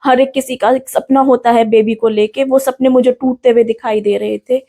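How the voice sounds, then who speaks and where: A woman's voice: a little high, fairly even intonation, normal speed, warm tone. A young woman recounting an assault in an interview, earnest and detailed, frightened and still in pain. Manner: earnest, detailed, with restarts and English words mixed in.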